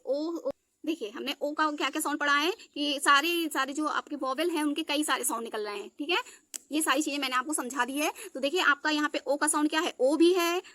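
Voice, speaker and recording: A woman teaching a spelling lesson, her voice high and bright. She breaks each word into letters and often stops to check her students are with her. The sound is close and dry. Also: no room sound. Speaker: English teacher.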